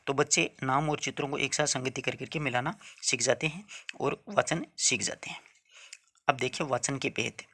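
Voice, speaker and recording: A man delivers an exam-prep lecture at a middle pitch. His voice is bright and forward. He explains each point step by step, says it again, and checks that the students follow. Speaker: teacher.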